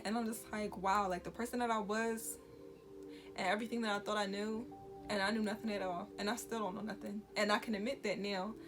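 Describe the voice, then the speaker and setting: A woman's voice: mid-range voice, steady tone, a little fast. A woman, talking frankly to camera with lots of "you know, like". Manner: casual, frank, many fillers like "you know, like". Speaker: vlogger. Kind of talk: candid talk to camera. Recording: music playing under the voice.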